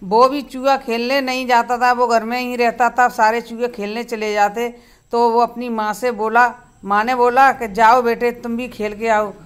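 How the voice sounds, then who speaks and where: A woman telling a children's story slowly and simply, stopping to ask the kids to count. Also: a little high, flat delivery, smooth.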